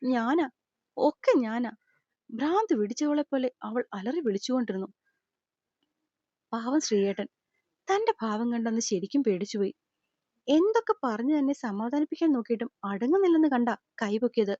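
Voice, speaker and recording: A woman storyteller reading a scripted story narration in a steady, measured way. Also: fairly high pitch, no echo. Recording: slightly dull lo-fi recording.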